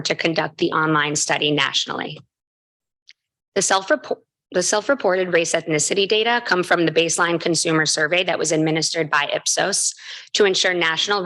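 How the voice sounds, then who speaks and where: Woman, low voice, academic research presentation, formal and scripted, occasional stumbles. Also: fairly bright tone.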